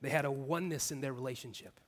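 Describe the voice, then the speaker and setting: A man's voice: mid-range voice, fast talker, big-room sound. A man preaching a sermon as pastor, earnest, building his points in repeated clauses. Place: church.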